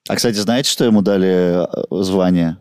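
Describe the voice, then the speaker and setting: A man's voice: sits low, normal speed, a little mellow, dry recording, studio quality. A man co-hosting a podcast, talking casually about films. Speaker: podcast co-host. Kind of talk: casual film chat.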